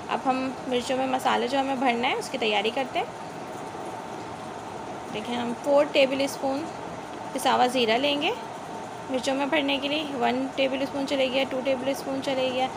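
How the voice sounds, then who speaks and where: Her voice sits high and sounds creaky as this Pakistani home cook chats through each step of a recipe voice-over, often saying "see" to viewers. The phone or camera films her countertop from above in a home kitchen, and the recording is noisy.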